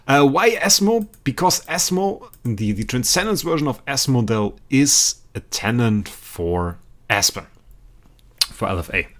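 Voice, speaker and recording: While streaming a game, a young man from Germany rambles to his audience in a mid-range voice. He repeats himself, laughs a lot, and suddenly erupts in excitement.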